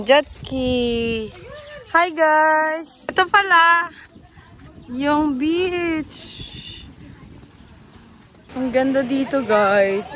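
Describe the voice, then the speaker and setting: High-voiced woman vlogging casually. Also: a bit bright, slight background noise. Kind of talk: casual vlog chat. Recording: chatter of people around.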